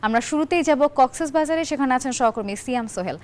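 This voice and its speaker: A woman's voice: sits high, expressive, fast. A woman with a Bangladeshi accent presenting live news as an anchor and handing over to reporters.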